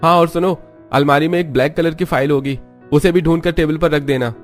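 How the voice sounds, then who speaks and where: A man voicing a short-tempered young husband who talks in an irritable, shouting way. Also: a little high, steady tone, a little fast, soft background music, voice pushed up, close to an everyday voice. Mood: bossy. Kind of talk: cartoon story voice acting.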